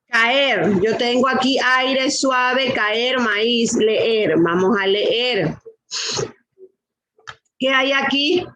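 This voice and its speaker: A middle-aged woman teaches a class with a high voice. She takes her time, going word by word and asking her students the same question again and again. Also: steady tone, pushed and bright, rough recording. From Latin America. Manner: slow, patient, repeats rules and questions. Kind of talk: online class lesson.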